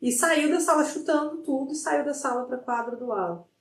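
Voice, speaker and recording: A middle-aged woman, a psychologist guest, telling a story in a lively way with many restarts. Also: high voice, a little fast, recorded from a distance. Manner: animated retelling with frequent restarts. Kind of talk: conversational storytelling in an interview. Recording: roomy sound from off the mic.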